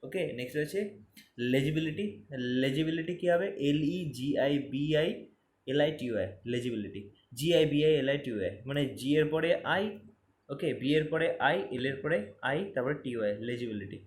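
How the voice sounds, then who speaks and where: In an exam-prep spelling lesson, a man with a slightly high, animated voice speaks briskly, spelling words letter by letter and repeating them for emphasis. The recording has a roomy echo and faint ambience.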